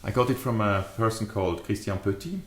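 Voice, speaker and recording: A leadership adviser in his fifties, with a lowish, fairly bright voice, speaks reflectively to camera to explain a practice, his phrasing measured and deliberate yet animated. He's indoors in a small furnished study or living room, and the recording carries clear echo.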